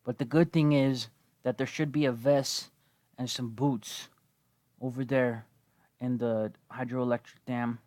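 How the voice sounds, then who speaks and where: Coming down with a cold and a little wheezy, this twenty-something gaming host rambles casually and laid-back through gameplay, swearing as he goes. He speaks a little slowly at a medium pitch with a steady, slightly mellow tone, and there's no room sound.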